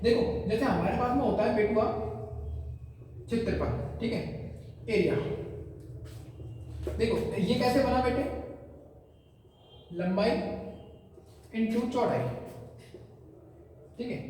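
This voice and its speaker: A man's voice: very high-pitched, darkish tone. Male teacher lecturing in a classroom, far from the mic with a long echo, quizzing his students as he explains. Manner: explains step by step, keeps asking students questions. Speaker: physics teacher. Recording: echoey room, far from the mic, faint noise.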